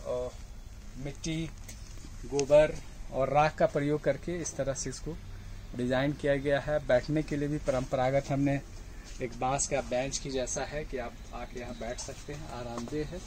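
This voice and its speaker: A man's voice: mid-range voice, steady tone, unhurried, darkish tone, low-quality recording. A man in his forties explaining a farm outdoors, speaking patiently and pointing things out, recorded close up on a phone camera. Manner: patient, points things out and keeps saying "look". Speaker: farm guide. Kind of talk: explaining a farm on a walking tour. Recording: clear outdoor noise behind.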